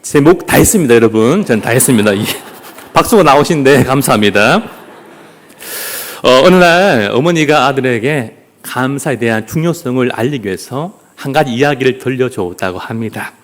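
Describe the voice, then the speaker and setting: Lively, playful pastor. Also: male voice, mid-range voice, normal speed. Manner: playful, jokes with the congregation; leads the congregation in clapping and greetings. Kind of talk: family worship sermon.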